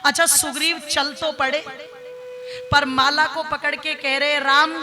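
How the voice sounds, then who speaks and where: A woman preacher telling a religious story in a sermon, speaking lively and directly to the audience. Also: sits high, unhurried.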